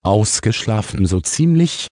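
A man's voice: lowish voice, expressive, measured pace, darkish tone, no room sound, studio quality. A man voicing a tired, stubborn young witch who sighs and grumbles, in a children's audiobook. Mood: weary. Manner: sighing, grumbling.

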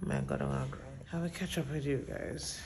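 In her apartment, a woman in her thirties talks to the camera of a phone held at arm's length, chatting easily with her viewers. She has a low voice and a moderate pace, and background noise is audible.

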